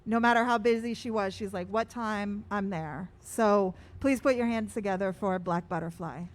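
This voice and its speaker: A woman emceeing an outdoor street memorial gathering, introducing a performer in a personal, relaxed way. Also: mid-range voice, normal speed. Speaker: event emcee.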